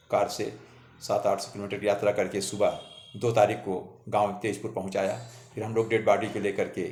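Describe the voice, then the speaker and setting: A man's voice: on the low side, a little mellow. Older man, memoir storytelling, homely tone, roomy echo. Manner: homely, addresses listeners as friends. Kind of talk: autobiographical storytelling to viewers.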